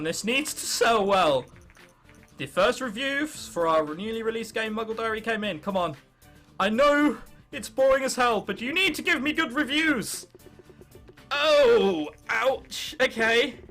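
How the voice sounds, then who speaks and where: With an extremely high-pitched voice, a young Englishman in his late teens hosts a gaming video, riffing sarcastically and casually on his play. Excitable, self-mocking and freely sweary, his English accent comes through clearly.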